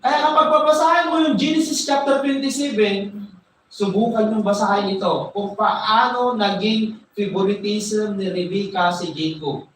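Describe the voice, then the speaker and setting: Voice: mid-range voice, normal speed. Preacher retelling a Bible story in an echoing hall. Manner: storytelling, repeats words while searching for names, asks "di ba?" often. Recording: echoey room from far off, faint noise.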